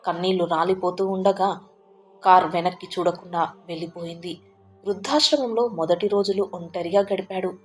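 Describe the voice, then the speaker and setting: A woman narrating an emotional family story in a measured, heartfelt storytelling manner. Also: lowish voice. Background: soft background music.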